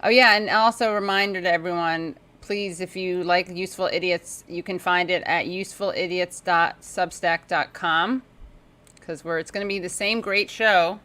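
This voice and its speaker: A woman's voice: fairly low pitch, fairly even intonation, moderate pace, bright, forceful tone. A woman guest on a livestream podcast, talking in a chatty way and jumping in over others. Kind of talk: casual livestream chat.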